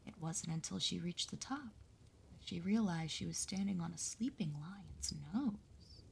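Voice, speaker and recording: A woman softly reading a bedtime story aloud as an older sister in a whispered role-play. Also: on the low side, creaky, slight background noise. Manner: soft, slow bedtime reading.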